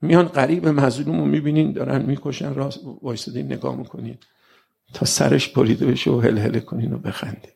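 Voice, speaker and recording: A man's voice: mid-range voice, steady tone, gravelly, a little mellow, husky. A man preaching a religious sermon in a colloquial way, often putting rhetorical questions straight to his listeners. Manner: colloquial and conversational.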